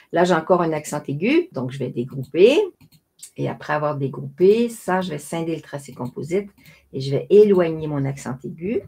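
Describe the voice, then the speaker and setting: Québécoise lady walking through a software tutorial, low mellow voice, chatty. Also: creaky, husky. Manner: chatty step-by-step explaining while working. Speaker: craft software tutorial host. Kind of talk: screen-recorded tutorial narration.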